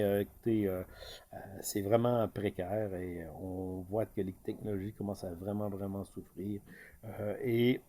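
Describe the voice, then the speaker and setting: A man's voice: on the low side, dark tone. A man with a Québécois accent, speaking in a casual commentary full of fillers and restarts. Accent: Québécois French. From Quebec. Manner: hesitant, many fillers and restarts. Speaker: market commentator.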